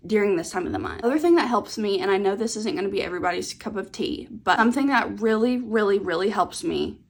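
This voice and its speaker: Young woman, twenties, open and emotional vlogger talking close into a phone, tearful, plain mid pitch. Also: fast, breathy edge. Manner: candid, emotional, tearful at times. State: crying. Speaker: content creator. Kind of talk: personal get-ready-with-me vlog.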